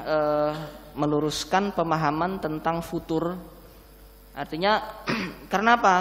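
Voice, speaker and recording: A slightly breathless man preaches an Islamic sermon through a face mask, explaining conversationally with rhetorical questions. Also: on the high side. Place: large mosque hall, indoors. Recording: long hall reverb in mosque.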